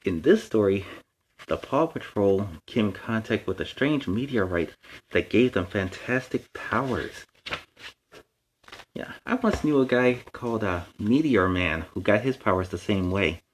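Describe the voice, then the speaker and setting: A man's voice: lowish voice, animated, measured pace, a little hiss or hum, rough recording. A man playing a friendly young superhero who hosts a children's storytime, reading animatedly and explaining things in kid-friendly asides. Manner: kid-friendly, explains words and gives advice.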